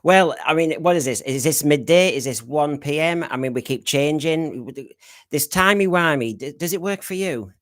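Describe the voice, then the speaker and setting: With a fairly high, animated voice at normal speed, a British man hosts a casual live fan podcast stream. He jokes and chats, wandering through asides and housekeeping, and the recording is dry and close.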